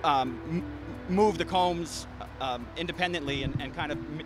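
Standing by beehives in a garden, a male beekeeper in his thirties chats with an interviewer in a fairly high voice, taking his time. His manner is relaxed, with many restarts and filler words. A handheld interview mic picks him up, and music plays in the background.

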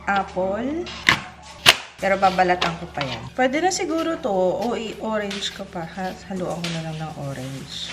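A woman's voice: medium pitch, very animated, a little slow, heavy background noise. A woman in her thirties from the Philippines, chatting casually to the camera in a family home vlog. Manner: chatty, talks to camera and family, mixes Tagalog and English. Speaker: family vlogger. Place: large home kitchen indoors. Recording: clear kitchen sounds behind.

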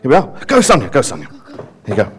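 A man hosting a live pitching session, exuberant and playful as he introduces each act. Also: wildly swooping pitch, quick pace, slight background noise. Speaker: session host.

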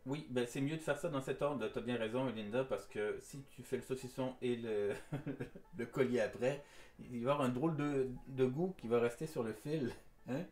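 A man's voice: mid-range voice, normal speed, darkish tone, roomy sound, faint music behind. A man born in France with an accent between Parisian French and Québécois, casually talking a live stream chat through threading a pearl necklace, often repeating words as he works and switching to simple English. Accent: mix of Parisian French and Québécois. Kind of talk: live-stream craft tutorial, reading chat aloud.

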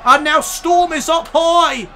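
A man shouting excitable wrestling play-by-play commentary over a video game, straining his voice as he goes. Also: very high-pitched, slow pace, a faint crowd, a little hiss or hum. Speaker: YouTube gaming commentator.

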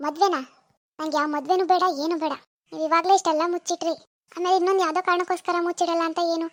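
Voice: extremely high pitch, level tone, rapid-fire, no echo. A woman playing a hurt young village woman who bitterly turns down her deceiving lover on a phone call. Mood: reproachful. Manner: reproachful, refusing, bitter. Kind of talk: amateur phone-call drama.

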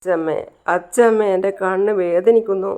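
A woman's voice: medium pitch, steady tone, moderate pace, dark tone, lightly acted. A woman voicing a small sick girl who whines and pleads. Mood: whimpering.

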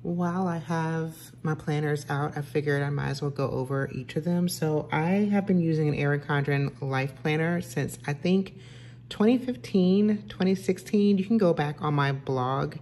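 A woman's voice: deep voice, normal speed, darkish tone, soft background music. A middle-aged woman vlogging casually at home, chatty and self-correcting with many fillers, recorded on a camera at her dining table. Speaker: lifestyle vlogger. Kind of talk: casual vlog chat. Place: home dining room, indoors.

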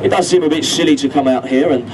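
A man on a river boat crew is a fast talker with a slightly high voice, giving chatty, jokey tour commentary on a handheld microphone from the open outdoor deck. It was filmed from a distance, so he sounds like a distant PA over the boat speaker, with boat noise.

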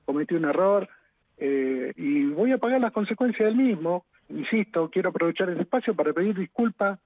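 An Argentine man being interviewed on a news programme, distressed, halting and pleading, repeating himself. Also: high-pitched, expressive, no room sound. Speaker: politician interviewed as a guest. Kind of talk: live news phone interview. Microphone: phone call. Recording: tinny phone line.

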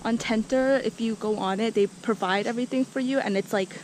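A young woman casually vlogging at a rural campsite, chatty and relaxed, filming with a handheld camera at arm's length. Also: on the high side, brisk, slight background noise, poor audio. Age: young adult. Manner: chatty, relaxed, filler-heavy. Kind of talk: casual travel vlog. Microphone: handheld camera or phone at arm's length.

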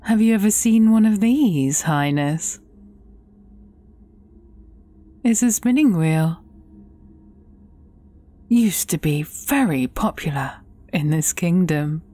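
Voicing a gloating evil fairy sorceress in a fairy-tale audio drama, a woman taunts in a coaxing, sinister way, deliberate and often close to a whisper. Her voice is lowish, dark, and expressive, with faint music behind her.

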